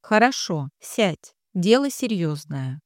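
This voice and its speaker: Brief: woman narrator as a seasoned woman doctor, quiet and measured, guilt under the calm, dry read. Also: lowish voice, dry recording.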